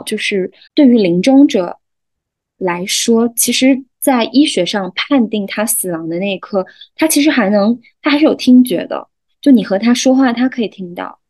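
A young woman, a guest on a podcast, calmly explaining hospice care ideas in conversation. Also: medium pitch, no room sound, low-quality recording. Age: young adult. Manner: calm, explanatory.

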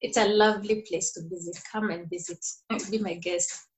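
A woman's voice: lowish voice, fairly even intonation, normal speed, low-quality recording. A middle-aged woman from Kenya with a Kenyan accent, answering conversationally as an interview guest on a call. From Nairobi, Kenya. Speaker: podcast guest.

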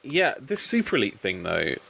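A man's voice: medium pitch, wildly swooping pitch, moderate pace, vocal fry, pushed and bright, breathy edge. A man hosting a casual podcast, recapping a wrestling show with swearing and rambling asides. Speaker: podcast host.

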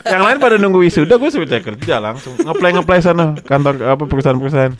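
Young guy, voice on the higher side, animated storytelling, slangy, plays out every line of the dialogue himself. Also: fast talker, a crowd in the background. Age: young adult. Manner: animated, slangy, acts out both sides of conversations. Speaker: guest storyteller. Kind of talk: casual chat, storytelling.

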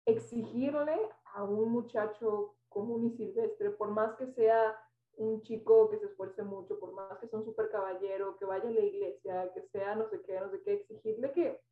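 A woman's voice: mid-range voice, steady tone, normal speed. Woman speaking far off on a tinny, echoey line. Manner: reflective, explanatory. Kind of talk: casual faith talk. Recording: tinny phone-like sound, echoey, far from mic.

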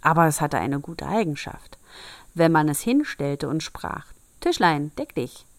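A woman narrating a fairy tale aloud in a calm, measured way. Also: low-pitched, creaky. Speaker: storyteller.

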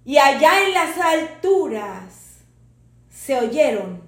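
A woman's voice: high voice, sing-song, drawn-out words. A woman giving a dramatic poetry recitation with a solemn, theatrical delivery. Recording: roomy echo.

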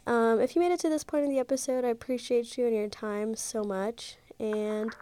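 This recording is very noisy: a young woman from Ohio, USA, in her twenties, rambles casually on her solo podcast into a handheld mic, sounding stuffed up and peppering her chatty talk with "like" and "um." Her voice sits on the high side, holds a steady tone, and moves at normal speed.

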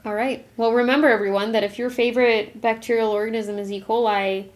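A young woman co-hosting a podcast in casual chat, lively and quick to laugh. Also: fairly high pitch. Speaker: podcast co-host.

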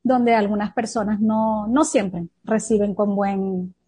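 A woman's voice: mid-range voice, fairly even intonation, takes it slowly, dark tone, slightly rough. A woman interviewer asking questions and responding supportively in formal phrasing.

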